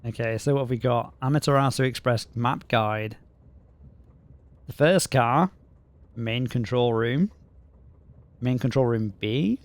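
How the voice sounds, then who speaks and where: A man's voice: mid-range voice, unhurried, long pauses. A man streaming a video game, making dry, wry casual commentary.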